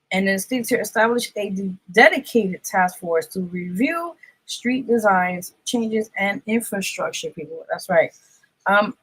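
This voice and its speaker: A woman's voice: mid-range voice, fairly bright tone, slightly rough, rough recording. A woman hosting a radio show, reading local news aloud with frequent stumbles and restarts. She breaks off into casual, profane asides between items, loose and unpolished. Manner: reads news items haltingly, adding profane offhand comments.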